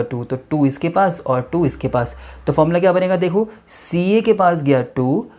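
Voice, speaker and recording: A male teacher works through a chemistry lesson. His tone is mellow and warm. He keeps posing quick questions to his students and then answers them himself. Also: a little high.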